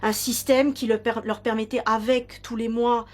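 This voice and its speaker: A woman's voice: fairly high pitch, little pitch movement, moderate pace. A woman answering interview questions, explaining in detail and often searching for words. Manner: searching for words, restarting phrases.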